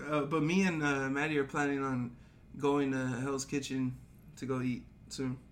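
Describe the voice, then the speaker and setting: A man's voice: mid-range voice, flat delivery, moderate pace, slight background noise. A young man co-hosting a podcast in casual chat, talking in a rambling, laid-back way full of slang and fillers. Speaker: podcast co-host.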